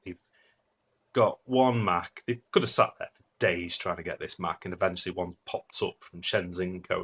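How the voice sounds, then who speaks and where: A man talks through a technical debunking in a casual, rambling way, full of ums and restarts. He is blunt and openly scornful. His voice sits very low and sounds husky. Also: fairly bright tone. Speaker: debunking commentator.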